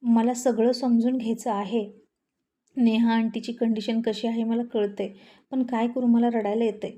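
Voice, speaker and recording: Tearful gentle young pregnant woman, read by a woman narrator, crying, fairly high, mellow, storybook. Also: flat delivery, moderate pace, close to an everyday voice.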